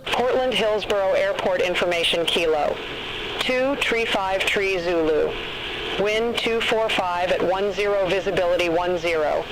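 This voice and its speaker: A man's voice: high-pitched, measured pace. A man's automated airport weather broadcast voice, reciting figures digit by digit in set phrasing. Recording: loud background noise.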